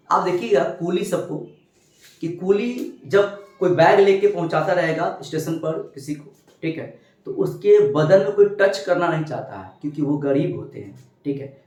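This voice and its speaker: A man teaching an exam-prep lesson, animated, asking questions and answering them himself. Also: a little high. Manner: animated, asks and answers his own questions. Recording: very echoey room.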